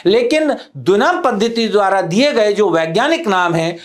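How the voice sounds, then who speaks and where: Lively-voiced man teaching botany. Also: sits high, normal speed. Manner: explains step by step, repeating terms in Hindi and English; keeps telling students to listen carefully. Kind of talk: classroom lecture.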